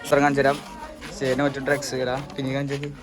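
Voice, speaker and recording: Amid a crowd of students at an outdoor service camp, a Kerala man records a vlog, joking around and repeatedly addressing his viewers in casual chatter to camera. He speaks quickly and monotonously at a mid-range pitch, picked up on outdoor phone audio full of crowd chatter.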